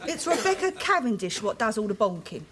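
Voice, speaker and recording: A stroppy working-class woman with a broad Cockney accent and a brash, outspoken way of talking. Her voice sits high and swoops a lot. The recording has heavy background noise. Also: fairly quick. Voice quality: brash, lively, swears freely. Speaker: sitcom character. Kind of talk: studio sitcom acting.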